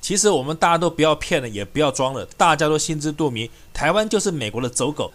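A man's voice: on the high side, sing-song, fairly bright tone. A man hosting a political commentary show, delivering a combative, scornful opinion monologue. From Taiwan. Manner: combative, scornful, rapid ranting.

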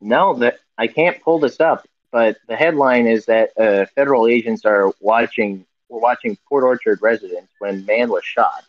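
A man co-hosting a casual podcast over a video call, reading out news headlines in a halting way full of fillers and self-corrections while his audio breaks up. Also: mid-range voice, no echo. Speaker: podcast co-host. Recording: dull, muffled call audio.

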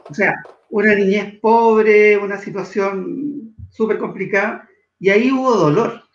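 A man's voice: high voice, lo-fi sound. Earnest man on an echoey call. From Chile. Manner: earnest, measured, shifts between slow emphasis and quick asides. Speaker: guest. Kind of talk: reflective interview talk.

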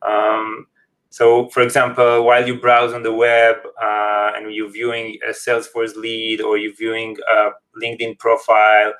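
A man's voice: fairly low pitch, completely flat delivery, measured pace, a bit bright, rough recording. Man explaining in English. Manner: non-native English phrasing. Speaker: company representative, podcast guest. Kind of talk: casual interview, explaining a product.

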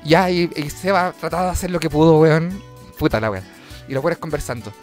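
A man with a Chilean accent, a comedian hosting a casual show, telling stories in an animated, slangy and profane way. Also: a little high, a little fast, soft background music. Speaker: comedian host.

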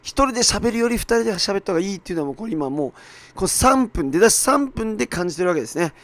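Hoarse, raspy man hosting a podcast. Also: sits high, animated, racing, no echo. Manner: self-deprecating, apologetic, with mock-quoted asides. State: hoarse, worn-out voice from shouting at an event. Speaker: podcast host. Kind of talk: casual solo podcast monologue.

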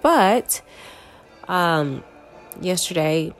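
A woman's voice: on the low side, lively intonation, very slow, soft background music. A woman with a congested, stuffy-nosed voice from a cold, hosting a casual, chatty horror movie review full of conversational filler words. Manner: chatty, conversational, frequent "like" and "you know". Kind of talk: casual solo review chat.

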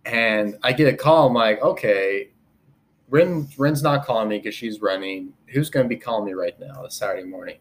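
A man's voice: lowish voice, moderate pace. A man co-hosting a podcast, telling a story in casual chat and acting out what people said. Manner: animated storytelling, acting out quotes. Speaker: podcast co-host.

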